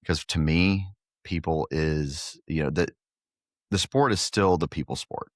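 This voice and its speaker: A man's voice: rumbling low, measured pace, dry recording, studio quality. A middle-aged man from Guatemala, a facility owner talking earnestly in a casual interview, with many fillers and restarts. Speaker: pickleball facility owner and podcast guest.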